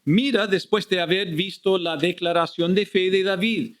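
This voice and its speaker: A man's voice: high voice, moderate pace, a bit bright. A man preaching an expository sermon in a church, often putting rhetorical questions to his congregation.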